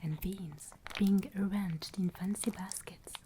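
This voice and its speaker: A woman playing a solemn, gently admonishing female Christmas spirit in a whispered ASMR roleplay, telling things in a hushed, storytelling way. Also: medium pitch, steady tone, slow pace, a little hiss or hum, close to an everyday voice. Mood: gently merry.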